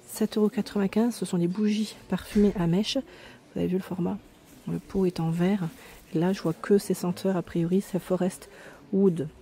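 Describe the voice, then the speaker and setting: Chatty woman with a mellow voice. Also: lowish voice, fairly even intonation. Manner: chatty, pauses to check labels, reads prices aloud. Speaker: vlogger touring a discount store. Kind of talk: casual store-walk commentary. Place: inside a large retail store.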